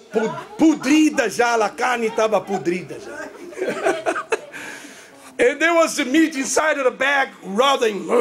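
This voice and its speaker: A woman preaching in church, telling a family story with lively voices for each person, and repeating herself for an interpreter. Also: a little high. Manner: animated storytelling, jumps between two languages, acts out family members. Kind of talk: sermon with live interpretation.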